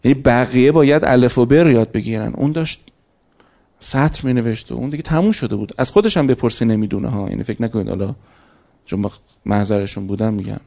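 A man's voice: medium pitch, vocal fry, warm tone. A man giving a conversational religious lecture to a live audience, telling stories and breaking into emphatic bursts. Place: lecture hall.

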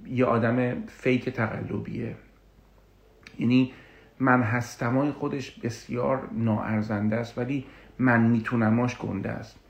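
A man working as a coach gives an explanatory talk on confidence, animated and full of personal examples. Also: mid-range voice, creaky. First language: Persian. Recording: echoey room.

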